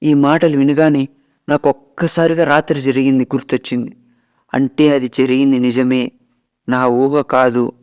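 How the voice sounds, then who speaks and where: A man's voice: medium pitch, darkish tone, clear, resonant tone, lo-fi sound. A man narrating a first-person Telugu ghost story, dramatic and quoting his family as he goes.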